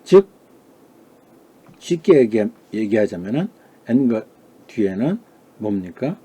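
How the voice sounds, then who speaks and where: A man's voice: lowish voice, sing-song, slow, dark tone, breathy edge. A man giving a classroom lecture on Chinese pronunciation. He asks questions and answers them himself, and he sounds out model syllables.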